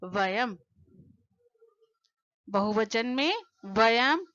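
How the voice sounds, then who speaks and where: A woman teaching a lesson to children, patiently asking questions and answering them, slowing down to spell out word forms. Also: fairly high pitch, expressive, fairly bright tone, no echo, dull audio. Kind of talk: explaining a textbook lesson to children.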